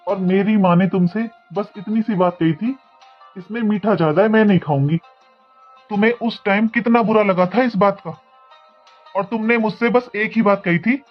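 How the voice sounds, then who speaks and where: A man playing a calm older father-in-law who reasons gently and lectures his wife. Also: high-pitched, lo-fi sound.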